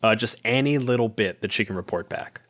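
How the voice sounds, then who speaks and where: A man playing a tabletop roleplaying game talks casually, describing his character's actions while thinking aloud and rewording as he goes. His voice is fairly low and fairly bright, and he speaks briskly.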